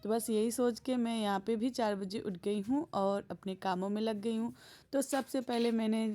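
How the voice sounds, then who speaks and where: A woman talks through her morning housework in a homely, conversational voice-over. Her pitch sits in the middle and barely rises or falls, so the voice stays level and calm throughout. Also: normal speed, a little hiss or hum. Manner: homely, chatty, gentle storytelling. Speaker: vlogger. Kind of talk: voice-over narration of daily chores.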